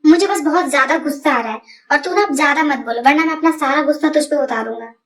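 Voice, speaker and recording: A woman's voice: high voice, quick pace. A woman voicing a jealous, hot-tempered young college man who speaks angrily and makes threats. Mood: jealous, angry. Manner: angry, threatening. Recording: distant voice over loud music.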